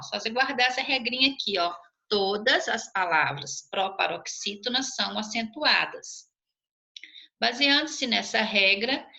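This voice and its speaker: A woman's voice: medium pitch, pushed and bright. A woman teacher recording a remote lesson, correcting exercises and checking in with her students as she goes. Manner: slow, drawn-out syllables when spelling out endings, checking in with "tá bom?".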